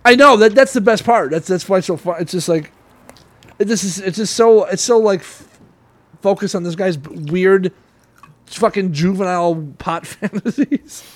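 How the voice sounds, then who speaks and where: High-voiced man ranting and mocking. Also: moderate pace. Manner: animated, mocking, swears constantly, stammers on restarts. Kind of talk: casual profane chat.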